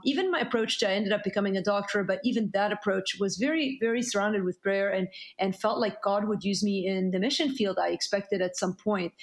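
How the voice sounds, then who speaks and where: Middle-aged woman from Lebanon, interview guest, earnest reflective storyteller, mid-pitched voice. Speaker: author and guest. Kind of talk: conversational interview.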